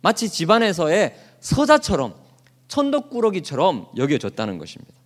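Preaching at a moderate pace, this pastor has a high-pitched voice that swoops wildly. His sermon involves questioning the congregation, leading everyone in reading together, and dramatizing quoted lines.

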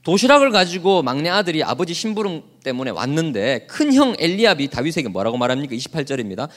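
A man preaching a sermon as a pastor speaks fast in a slightly high, sing-song voice with a fairly bright tone. He asks his congregation questions, leads them in reading aloud together, and acts out quoted lines.

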